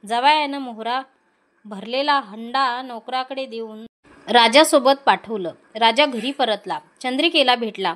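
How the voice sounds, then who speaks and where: A woman narrating a devotional folk story in a steady, measured way. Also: fairly high pitch.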